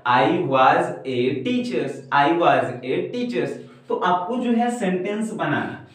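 A young man teaching at a whiteboard in his twenties. He speaks in a fairly high voice and at a very slow, drawn-out pace, repeating each example. The sound is very echoey and distant, picked up by a camera mic across a bare classroom. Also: very animated. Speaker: spoken English teacher. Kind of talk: classroom lesson. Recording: very echoey room, heard from afar.

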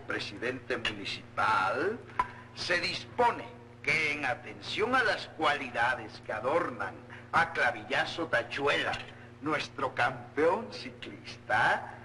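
A man's voice: fairly high pitch, sharp tone, exaggerated voice. An actor with a Mexican accent playing a grumpy middle-aged tailor and father, sarcastic and blustering, in an old film comedy. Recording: noisy old film soundtrack.

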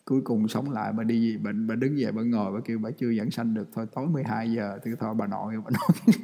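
A man's voice: fairly low pitch, fairly even intonation, fast talker, creaky, mellow, husky. A Vietnamese-born man, a Buddhist monk, giving a folksy dharma talk to monastics, joking and laughing often. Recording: long hall reverb.

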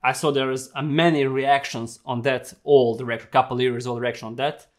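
Steady and medium-pitched at a normal speed, the voice belongs to a young man hosting a reaction vlog indoors in a small home studio. English isn't his first language, and he keeps things casual, profane and giggly.

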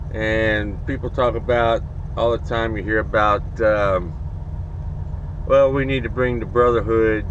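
A middle-aged man, talking earnestly to camera from his truck cab as a trucker vlog host, rambling with pauses. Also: lowish voice. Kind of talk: casual monologue to camera. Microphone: camera on the dashboard. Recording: dull lo-fi sound with faint engine hum.

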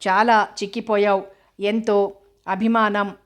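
Fussy worried uncle in a storybook, talks slow, read by a woman narrator. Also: medium pitch, flat delivery, lightly acted. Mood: concerned.

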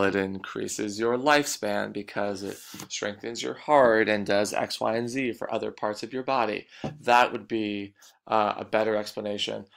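A man's voice: lowish voice, vocal fry, fairly bright tone. A man teaching a recorded lecture, explaining points and repeating the key ones.

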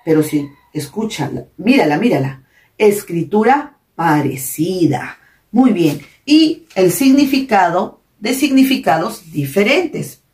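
Woman teacher, Peruvian Spanish accent, slow and drawn out, lively pitch, echoey room, mic a little off. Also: far from the mic. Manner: encouraging, praising often, slow and drawn out. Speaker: primary school teacher. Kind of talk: recorded online class review.

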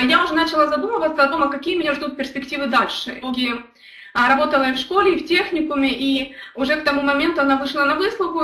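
A woman's voice: sits high, bright, forceful tone, reverberant, far from the mic. A young woman from Ukraine giving an earnest motivational talk on a live stream, telling her own story and speaking to viewers in the chat. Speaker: network marketing leader.

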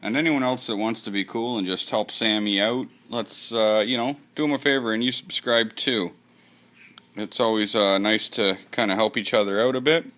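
Hosting a channel giveaway, this man speaks at a normal speed in a lowish, slightly bright voice with a steady tone. He records his computer screen for the vlog, wandering loosely through his thoughts and cursing without much care.

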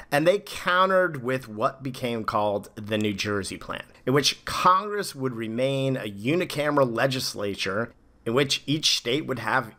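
A man's voice: mid-range voice, pushed and bright. A man teaching a scripted history lecture, explaining steadily and adding teacherly asides to students. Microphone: voice-over.

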